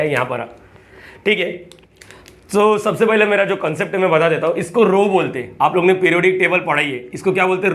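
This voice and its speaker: High-voiced chatty math teacher. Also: male voice, a bit bright. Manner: chatty, repeats and counts aloud, quizzes the viewers. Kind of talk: casual classroom-style lesson.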